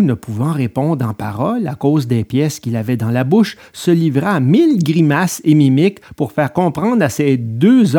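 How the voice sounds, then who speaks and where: A man reading a storybook aloud with expressive, dramatic storytelling. His fairly high voice rises and falls in a lively way. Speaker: narrator. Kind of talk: scripted storybook narration.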